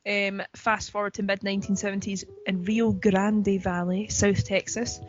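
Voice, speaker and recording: A woman's voice: mid-range voice, level tone, moderate pace, highs cut off, faint music behind. Chatty, giggly woman podcast host. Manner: chatty, giggly, heavy on fillers. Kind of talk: casual chat.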